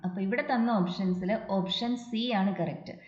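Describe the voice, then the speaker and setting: A woman's voice: medium pitch, darkish tone. Woman tutor in an echoey room. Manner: explains step by step, reads English example sentences slowly. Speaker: English exam tutor. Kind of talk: exam prep lesson. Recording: dull echoey room recording.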